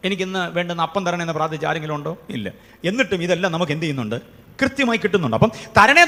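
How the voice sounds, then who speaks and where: A man's voice: fairly high pitch, in a large hall. A man preaching a sermon, asking rhetorical questions and chanting repeated phrases.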